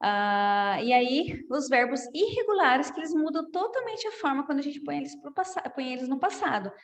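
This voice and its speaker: A woman with a Brazilian Portuguese accent teaching an English lesson in a casual way, often checking in with listeners and repeating examples slowly. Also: sits high, big pitch swings. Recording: echoey room with long reverb.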